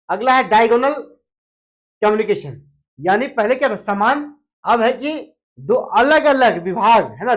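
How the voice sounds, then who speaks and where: A woman gives an exam coaching lecture at a middling pitch. She explains each point step by step, keeps checking in with the listener, and briefly acts out example phrases in different tones. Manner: explains with repeated fillers and acted-out example phrases. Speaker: teacher.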